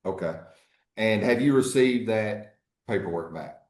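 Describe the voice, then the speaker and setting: A man speaking as an attorney in a courtroom recording, formally questioning a witness in a measured, halting way. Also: fairly low pitch, expressive, darkish tone, echoey room. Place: courtroom hearing.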